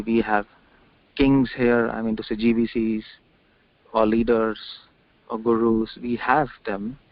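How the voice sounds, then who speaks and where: Over a conference call line, a man with a medium-pitched, gravelly voice gives an informal scripture lecture, repeating words and posing rhetorical questions. The audio is dull and dry, with no room sound.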